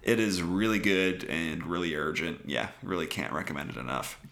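A man's voice: deep voice, normal speed, gravelly, fairly bright tone. A man co-hosting a podcast, chatting casually about festival films and rambling with many restarts. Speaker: podcast co-host. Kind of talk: casual film review chat.

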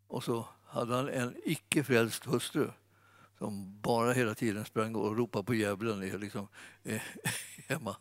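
A man giving an informal sermon, chatty and animated, speaking straight to his listeners. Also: medium pitch, no room sound. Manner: conversational, animated, fillers and restarts, addresses audience. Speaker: preacher.

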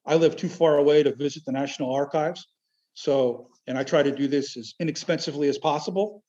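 A man talking casually in an interview, halting and rambling but enthusiastic. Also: on the high side, mellow. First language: Chiac French. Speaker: amateur military history researcher, podcast guest. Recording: dull, lo-fi audio.

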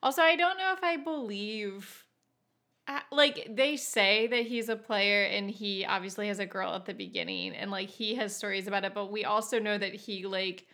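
A woman's voice: medium pitch, moderate pace, sharp tone. A woman co-hosting a casual movie podcast, chatty and opinionated, with lots of filler words. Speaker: podcast co-host.

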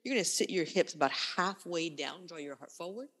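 A woman instructor guiding a yoga class with calm, unhurried cues in short, breath-led phrases. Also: lowish voice, slightly rough. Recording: long reverberant room echo.

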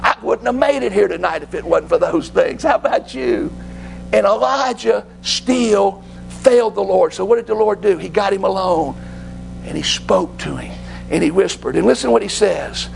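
A man preaching a fervent sermon in church, sometimes falling to a hush. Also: sits high, animated, moderate pace, creaky, faint music behind, rough recording. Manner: fervent, dropping to hushed whispers.

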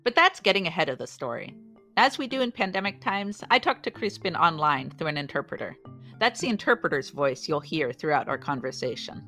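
A woman's voice: sits low, big pitch swings, brisk, sharp tone, faint music behind. A woman reporting in scripted podcast narration. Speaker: podcast reporter, campaigns manager.

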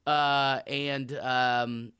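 A man's voice: mid-range voice, level tone, very slow, sharp tone, smooth, no echo, studio quality. A man hosting a sports podcast in a casual, emphatic and jokey conversational way.

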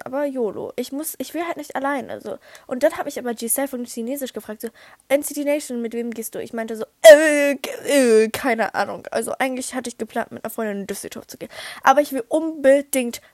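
Excitable young woman, dry close sound. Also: on the high side, fast talker, dry recording. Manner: excitable, dramatic outbursts, mixes in English slang. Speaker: podcast host. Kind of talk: casual chat.

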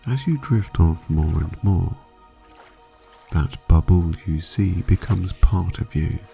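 A man narrating a guided sleep meditation like a sleep story narrator, calm, measured and hypnotic, with long pauses between phrases. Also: deep voice, gravelly, highs cut off. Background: soft music.

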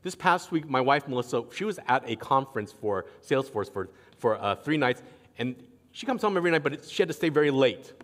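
A man preaching a sermon as pastor, telling stories in an animated way and acting out what others say. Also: medium pitch, fairly quick. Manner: animated storytelling, acting out quotes. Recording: long reverb of a large hall.

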